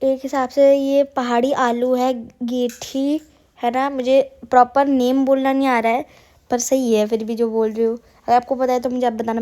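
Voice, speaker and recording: A woman's voice: on the high side, warm tone. A young woman vlogger with a sore throat, chatting through a self-mocking voice-over about her family day. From Uttarakhand hills, India. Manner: chatty, self-mocking, addresses viewers as guys. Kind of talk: casual voice-over narration.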